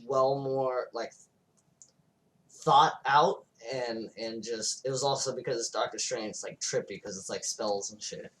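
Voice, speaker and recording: A man's voice: medium pitch, measured pace, fairly bright tone. Podcast guy rambling thru a movie plot, swears a lot, sounds kinda far from the mic. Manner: loose, profane retelling with acted-out quotes. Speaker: podcast co-host. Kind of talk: casual movie review chat.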